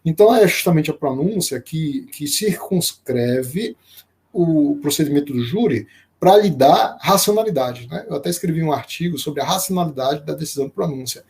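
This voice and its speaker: Slightly high-voiced man lecturing live. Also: animated, darkish tone. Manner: explains slowly with many fillers and restarts, greets viewers by name. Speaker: law professor.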